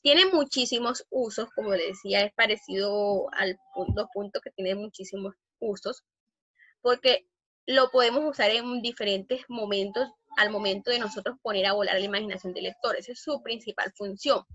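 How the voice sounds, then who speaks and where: A woman teaching a grammar lesson in an emphatic way, often pausing on fillers and restarting phrases. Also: medium pitch, pushed and bright, dry recording, highs cut off.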